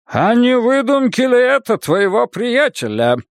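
A man's voice: on the high side, very animated, a little fast, no room sound, studio quality, voice pushed up. A man voicing a heavyset male librarian who questions two boys sternly and with suspicion. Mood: menacing.

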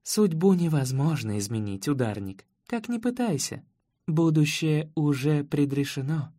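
A man voicing a calm, mocking female villain who speaks with a strange accent in a condescending, unhurried way. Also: a little high. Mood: smug.

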